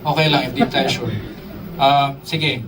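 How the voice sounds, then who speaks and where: In this live drum workshop, the male instructor talks a little slowly in a mid-range voice with fairly even intonation. He keeps things casual, asks the audience questions, and mixes in English terms, while drums sound in the room and his voice stays distant from the mic.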